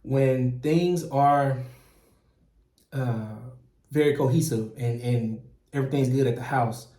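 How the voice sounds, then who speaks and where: A middle-aged man from Mississippi, giving earnest, animated advice as a channel host in casual talk. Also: mid-range voice, slow. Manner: earnest and animated, frequent "man" and "you know", restarts, chuckles. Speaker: process operator and channel host. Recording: roomy echo.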